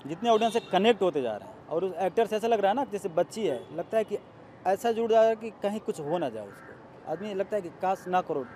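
A man with a mellow, raised voice explains his take on a film in a measured, careful way. The recording is outdoors, with faint street noise. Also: high voice, animated. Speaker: moviegoer giving a film review. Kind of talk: street vox-pop interview.

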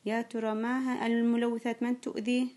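A woman playing a primary school teacher leads an online grammar lesson. She draws out key words slowly and says them twice. She quizzes the children and praises each answer. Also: on the high side, little pitch movement, mellow. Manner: slow, drawn-out repetition of key words; frequent praise and quiz questions to pupils.

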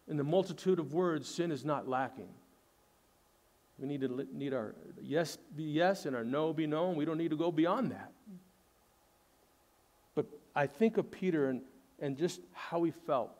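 A male pastor preaching a sermon in an earnest, conversational way, retelling scenes dramatically and dropping to a soft low voice at the ends of phrases. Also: lively intonation, measured pace, pauses often.

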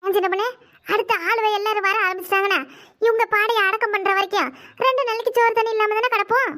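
A cartoon village schemer, very high voice, sharp bright tone, fake wailing, gossipy. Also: female voice, fairly even intonation, fast. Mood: sly, mock grieving. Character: scheming village woman, mock-grieving in-law. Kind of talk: Tamil cartoon voice acting.

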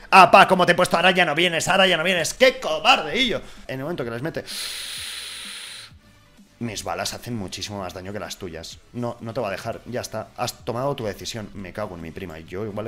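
A young man from giving casual, excitable gameplay commentary, swearing and swinging from mutters to shouts. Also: medium pitch. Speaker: gaming YouTuber.

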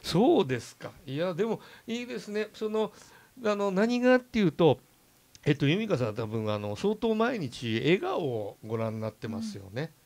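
Lively chatty radio host man. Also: high voice, normal speed. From Aichi, Japan. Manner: chatty, many fillers and laughs. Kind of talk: casual radio chat. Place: radio studio.

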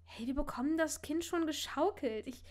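Flustered young woman, read by a woman, high-pitched, exclamatory. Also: moderate pace, a little mellow, close to an everyday voice. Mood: comforting.

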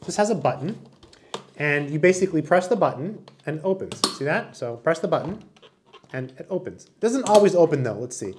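A man's voice: a little high, animated, a little fast, darkish tone, slight background noise. Chatty man demoing a water bottle. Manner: chatty, enthusiastic, demonstrating while talking. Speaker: product reviewer. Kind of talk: casual product review vlog. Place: small indoor room with wood-panel wall.

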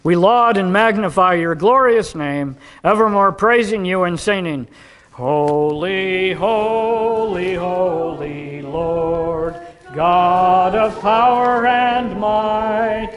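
A man serving as pastor, leading the liturgy and preaching in a measured, emphatic way, heard in a long cathedral-like echo. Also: sits high, fairly bright tone, faint music behind. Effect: long cathedral-like hall echo. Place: church sanctuary. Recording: reverberant sanctuary with congregation. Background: congregation.

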